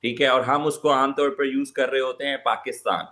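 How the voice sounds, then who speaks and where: A man's voice: medium pitch, little pitch movement, fairly quick, fairly bright tone. A man teaching a live online public speaking class, explaining patiently and switching between English and Urdu mid-sentence.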